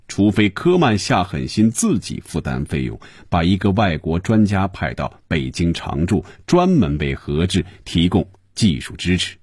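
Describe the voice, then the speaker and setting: A man narrating a novel in an expressive storytelling manner. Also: sits low, husky, no room sound, clean studio sound. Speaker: audiobook narrator.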